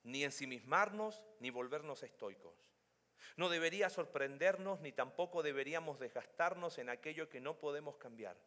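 Pastor, man, sermon, bright sharp voice, direct questions, long hall echo. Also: normal speed. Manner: swings from soft, low reflection to loud, high-pitched emphasis; addresses listeners directly with questions.

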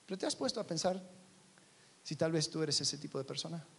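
A man preaching a sermon in a conversational way, asking his listeners many rhetorical questions and dropping to a quiet voice on key points. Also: a little high, animated, brisk, vocal fry, slightly rough.

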